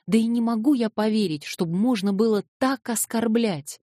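A woman's voice: on the high side, moderate pace, dark tone, no echo, pitched above the performer's own voice, lightly acted. An impulsive young son pleads hotly in his father's presence, as a woman reader puts him on. The voice is raised and urgent and is recorded close and dry, as in a storybook. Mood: pleading. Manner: pleading, heated. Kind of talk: audiobook reading.

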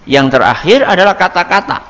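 A male preacher giving a religious study lecture, slow and deliberate, often posing rhetorical questions. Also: high-pitched, animated, fairly bright tone. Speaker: Islamic preacher. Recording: long hall reverb.

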